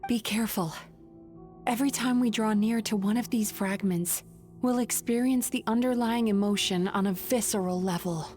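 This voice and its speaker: A woman playing a composed, resolute dream-hunter guide in a video game, explaining things in a measured, serious manner. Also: medium pitch, darkish tone, soft background music, lightly acted. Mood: calm, serious.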